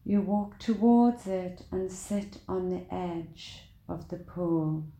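A woman leading a guided meditation in a soothing, deliberate manner, with long pauses between short phrases. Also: on the low side, dark tone, echoey room, low-quality recording.

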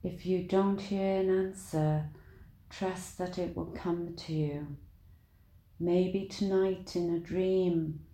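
A woman leading a guided meditation in a soothing, deliberate manner, with long pauses between short phrases. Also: on the low side, fairly even intonation, dark tone, echoey room.

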